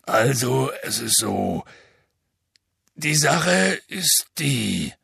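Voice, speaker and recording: A man voicing a gruff, nervous giant gamekeeper in an audiobook, with halting, clipped speech. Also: medium pitch, very animated, a bit bright, dry recording, studio quality, heavily acted. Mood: hesitant. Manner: hesitant, halting. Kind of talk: audiobook character voice.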